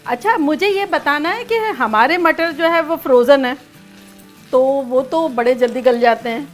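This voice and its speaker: A woman's voice: sits high, unhurried, soft background music. A woman hosting a home cooking demonstration, chatty and playful as she talks through each step. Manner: chatty, playful, sings snatches of songs. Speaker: cooking show host.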